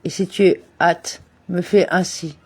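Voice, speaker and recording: A man with a fairly high, husky voice reads a Torah commentary aloud slowly and steadily, like a lesson. Now and then he stumbles, restarts and corrects himself. The sound is dry and close, with no room sound.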